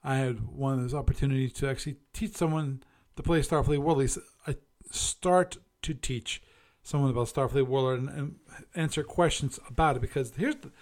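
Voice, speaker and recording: Speaking briskly in a mid-range, slightly mellow voice, this man barely pauses. He hosts a casual solo podcast where he reviews things in a chatty, musing manner and keeps correcting himself.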